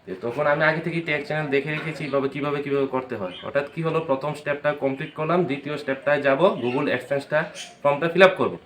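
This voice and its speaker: A vlogger from Tripura, India, chats casually and tells stories about the people who helped him, thanking his supporters by name. His voice is fairly high and fairly bright, and he talks fast, with a little hiss or hum on the recording.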